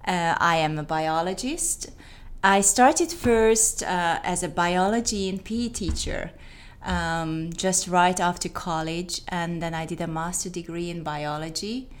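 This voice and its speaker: A woman from Hungary speaks English with a Hungarian accent, her voice sitting a little low. She answers interview questions as a biologist, earnest and a bit halting as she finds her words. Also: clear, resonant tone. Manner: earnest, slightly halting non-native English. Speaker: guest biologist.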